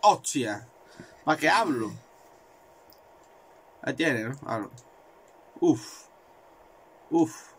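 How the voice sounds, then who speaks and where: A man commentating his own football video game, excitable and swearing, repeating words in rapid bursts. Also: medium pitch, husky. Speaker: gaming video creator.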